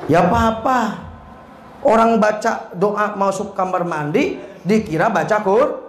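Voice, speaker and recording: A man's voice: sits high, slow, reverberant, a little hiss or hum. A man voicing an amused middle-aged mother who chides her husband.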